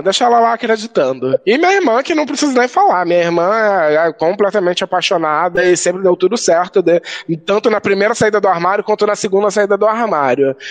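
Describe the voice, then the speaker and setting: A man's voice: high voice, big-room sound. A man, a drag queen guest telling stories animatedly in a casual podcast chat, swearing and mimicking his relatives. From Rio de Janeiro, Brazil. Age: 30s. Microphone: remote recording.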